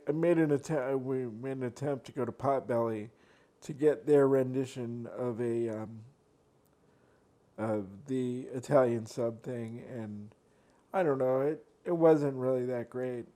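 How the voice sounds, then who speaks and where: A man with a warm, medium-pitched voice eats on camera at home, sitting at a desk next to a laptop. This mukbang vlogger keeps up a casual, rambling chat while eating, with many fillers and restarts.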